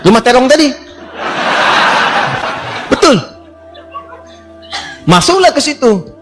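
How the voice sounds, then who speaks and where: A man preaching a storytelling sermon in a lively way, voicing the characters and asking the congregation questions. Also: takes it slowly, soft background music. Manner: lively, jumps to high voices for characters, asks the audience questions.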